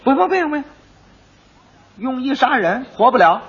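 A man's voice: very high-pitched, sing-song, normal speed, a bit bright, husky, pitched above the performer's own voice, exaggerated voice. A man voicing a bossy, brusque male court constable who takes bribes, on a dull old recording. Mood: stern. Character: gruff bribe-taking male yamen constable.

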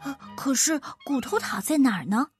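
A woman voicing a big hungry bear in a storybook read-aloud, with a drawn-out, moaning delivery. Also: high-pitched, expressive, soft background music.

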